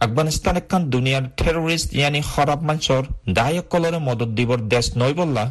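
A man presenting news on an AM shortwave radio programme, reading from a script. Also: on the high side.

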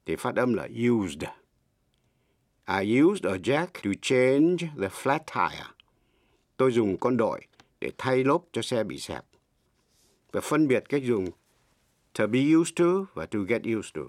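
A middle-aged man teaching English in Vietnamese, a native Vietnamese speaker who explains slowly and spells words out letter by letter. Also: mid-range voice, no room sound, studio quality. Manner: slow, deliberate, spells words letter by letter and repeats examples.

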